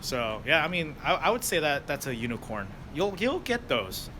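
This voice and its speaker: Over traffic and street noise outdoors, a young American delivery-driver livestreamer rambles casually while answering viewers. His voice is a little high and sing-song at normal speed, and his talk is loose, with plenty of fillers and restarts.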